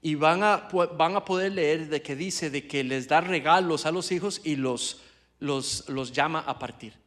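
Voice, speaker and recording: At a measured pace, a man with a voice on the high side and a slightly bright tone interprets a live sermon into Spanish. Inside the church sanctuary he keeps hesitating, using fillers and restarting sentences.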